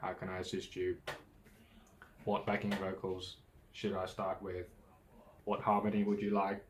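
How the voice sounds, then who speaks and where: A man putting on a robot voice to play a helpful male robot assistant, speaking low, quietly and in a monotone. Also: unhurried, slight background noise. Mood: dutiful. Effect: robot voice, done by mouth. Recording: dull lo-fi recording over loud piano.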